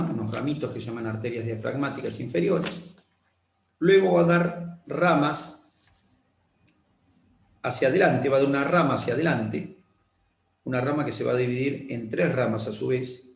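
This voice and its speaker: A man lecturing on anatomy, explaining slowly, repeating key terms and often checking that students follow. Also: mid-range voice, vocal fry. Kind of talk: classroom lecture with drawing demonstrations. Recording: echoey room.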